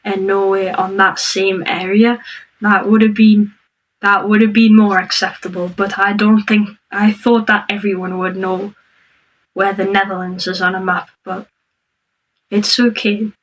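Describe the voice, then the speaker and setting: A woman talks over a clip she is reacting to. Her voice stays flat in pitch, she pauses with many ums, and she spells things out slowly. She sits a little away from the mic, so she sounds distant. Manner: hesitant, full of ums, slow careful explaining. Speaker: reaction video host. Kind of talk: commenting on a played clip.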